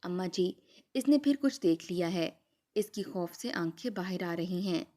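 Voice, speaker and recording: A woman's voice: fairly low pitch, lively intonation, dark tone, close to an everyday voice. Woman voicing a caring anxious mother. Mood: worried, reassuring. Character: caring, anxious mother soothing her daughter.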